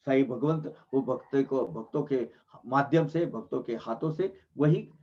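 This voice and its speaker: A man's voice: medium pitch, unhurried, warm tone. A man giving earnest devotional commentary on scripture, explaining emphatically and often restarting his phrases. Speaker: religious discourse speaker. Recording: dull lo-fi recording.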